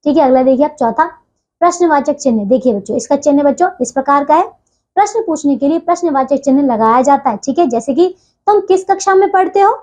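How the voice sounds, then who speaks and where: A woman's voice: high-pitched, lively intonation. A woman teaching a grammar lesson to children, speaking to them directly and often checking in with "theek hai". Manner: repeats "theek hai" as a filler, addresses children warmly; reads examples slowly and deliberately. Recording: dull lo-fi sound.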